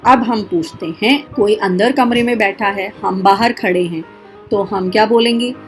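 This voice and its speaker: A woman with an Indian accent teaching a spoken English lesson, demonstrating phrases slowly and carefully. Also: mid-range voice, faint music behind.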